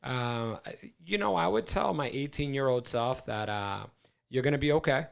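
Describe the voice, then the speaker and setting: A man's voice: mid-range voice, animated, normal speed, gravelly, smooth. A man in his forties co-hosting a podcast in casual chat, rambling and stammering with plenty of swearing. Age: 40s. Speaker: podcast co-host.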